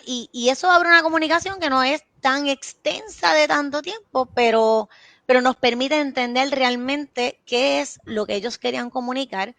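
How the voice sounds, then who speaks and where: A woman's voice: high-pitched, creaky, fairly bright tone, no echo. A Puerto Rican woman, a child psychiatrist, explaining in a casual interview and illustrating her points with everyday stories. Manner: explains with everyday anecdotes and acted quotes.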